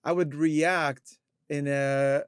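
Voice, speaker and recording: A man's voice: fairly high pitch, fairly even intonation, drawn-out words, smooth, no room sound, studio quality. A man from Lebanon chatting as co-host, hesitant, with stammering restarts. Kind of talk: casual chat.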